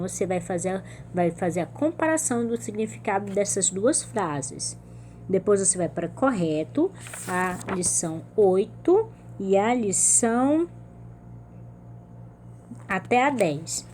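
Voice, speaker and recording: A woman's voice: medium pitch, dark tone, slight background noise. Patient Brazilian woman teaching a lesson. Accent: Brazilian Portuguese. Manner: patient, explains step by step, stresses syllables in example words. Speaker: primary school teacher. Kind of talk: remote classroom lesson.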